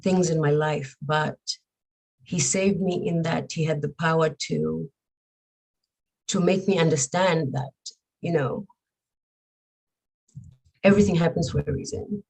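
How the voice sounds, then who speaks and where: A woman in her forties from Zambia, a guest speaking earnestly and reflectively about her life, pausing often with fillers. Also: sits low, fairly even intonation, vocal fry, a little mellow, husky, rough recording. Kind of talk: personal testimony interview.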